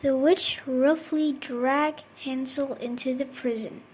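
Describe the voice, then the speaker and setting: A woman reads a children's fairy tale aloud in a high voice, taking her time over each line. Her delivery is even and scripted, with a faint hiss behind it. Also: rough recording. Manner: slow, even reading. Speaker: storyteller. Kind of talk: scripted storybook narration.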